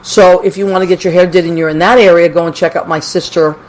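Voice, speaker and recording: A woman's voice: fairly low pitch, steady tone, fast, poor audio. An American woman casually hosting a livestream call-in show, chatty and effusive, speaking affectionately with plenty of endearments. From Massachusetts, United States.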